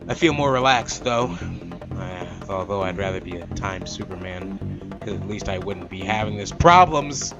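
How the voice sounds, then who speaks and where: Over game music, a man hosting a let's play reads the game's narration aloud and tosses in casual, joking asides. His low-pitched voice has lively intonation at a moderate pace, and the audio sounds dull.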